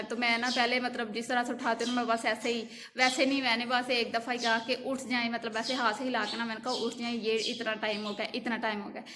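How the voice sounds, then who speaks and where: Emotional woman vlogger, bright voice. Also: a little high, slight background noise. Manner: emotional, rambling, repeats herself often. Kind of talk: casual vlog storytelling.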